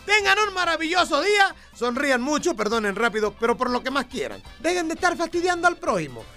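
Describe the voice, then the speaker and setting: A man with a coastal Guerrero Mexican accent tells jokes on the radio in a playful storyteller's manner. His voice sits very high, with a gravelly edge and a pitch that swings widely. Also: big pitch swings, quick pace, sharp tone, soft background music. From Acapulco, Mexico. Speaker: radio comedian. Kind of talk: radio joke telling.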